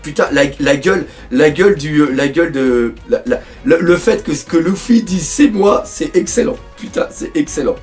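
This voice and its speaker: A man from France doing live reaction commentary on a manga chapter, excitable, swearing often and reading panels aloud. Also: a little high, moderate pace, few pauses, faint music behind.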